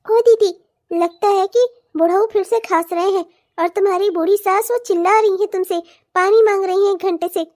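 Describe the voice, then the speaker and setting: A woman's voice: very high voice, fairly even intonation, normal speed, a little mellow. A woman voicing a young woman of the house who whines and tattles. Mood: whiny. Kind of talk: cartoon voice acting.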